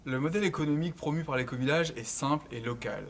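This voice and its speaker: A man in his twenties from northern France, giving an earnest, measured, scripted narration as an entrepreneur presenting his project. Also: fairly high pitch, creaky, slight background noise. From Lille area, northern France. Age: 20s.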